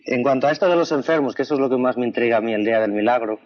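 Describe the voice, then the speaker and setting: A man's voice: mid-range voice, racing. A man, a doctor, interviewing a guest in an earnest, conversational way and often repeating back her answers. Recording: dull lo-fi recording.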